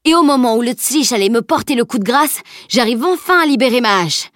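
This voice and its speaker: A woman voicing a boastful, hulking blond male warrior in an audiobook, loud and swaggering. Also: mid-range voice, expressive, normal speed, no echo, clean studio sound, lightly acted. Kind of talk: audiobook character voice.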